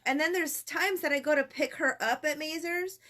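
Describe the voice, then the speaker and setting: A woman with a fairly high voice chatting casually on a live stream as co-host. She tells stories in a gushing, animated way and keeps the talk lively. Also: moderate pace.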